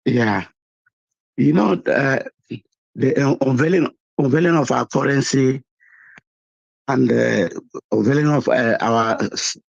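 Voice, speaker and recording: A hoarse man with a cold, calling into an online meeting and speaking hesitantly with many fillers. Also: medium pitch, no room sound, lo-fi sound. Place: London.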